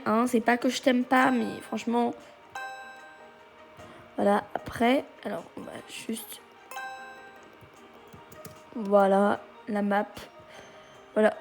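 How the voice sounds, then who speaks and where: A woman giving casual gameplay commentary in a chatty, halting way, often exclaiming at what she finds. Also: a little high. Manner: halting, many hesitations. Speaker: gaming video creator.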